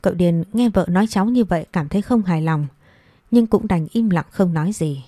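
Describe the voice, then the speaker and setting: A woman storyteller giving a steady, scripted narration of a story. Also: on the low side, fairly quick, no echo, clean studio sound.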